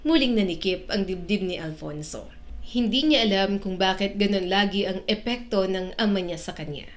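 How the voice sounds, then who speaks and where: A woman telling a romance drama story in scripted, steady narration. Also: mid-range voice, moderate pace.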